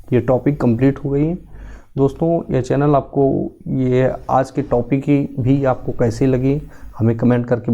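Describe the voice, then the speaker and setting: A man's voice: mid-range voice, vocal fry, warm tone, lo-fi sound. A man teaching a history lesson for exam preparation, explaining steadily and repeating the key facts. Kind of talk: exam-prep history lecture.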